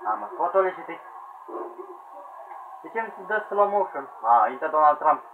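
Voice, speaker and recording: Frantic high-pitched gamer yelling at the screen. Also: male voice, very animated. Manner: frantic, yelling at characters, pleading and laughing. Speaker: gamer commentating own play. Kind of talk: excited gameplay commentary. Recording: tinny lo-fi sound with faint hiss.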